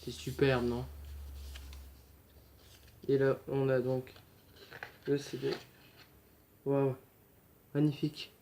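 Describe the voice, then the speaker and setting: A man's voice: medium pitch, little pitch movement, takes it slowly, long pauses, warm tone, slight background noise. A young man talking casually through an unboxing, chatty and self-correcting, muttering to himself as he handles things. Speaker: unboxing vlogger.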